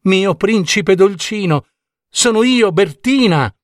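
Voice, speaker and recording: A man voicing a young princess in a fairy tale, calling out in a high, pleading voice. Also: huge pitch swings, a little slow, a bit bright, dry recording, studio quality, heavily acted. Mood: longing. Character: young princess, sweet and frightened.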